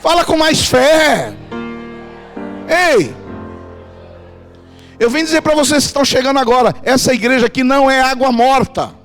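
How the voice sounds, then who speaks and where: Man, very high voice, emphatic sermon, faint music behind. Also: animated, moderate pace, long pauses, fairly bright tone. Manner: emphatic, calls the congregation to respond. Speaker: pastor. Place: church in Portugal.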